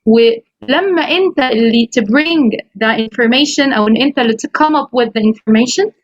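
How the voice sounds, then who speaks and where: A woman English teacher with an Egyptian accent giving a course orientation over a video call, lively and mixing in English phrases. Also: on the high side, moderate pace, no echo, highs cut off. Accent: Egyptian Arabic. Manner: lively, quotes students in animated voices, switches into English phrases. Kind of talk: online course orientation talk.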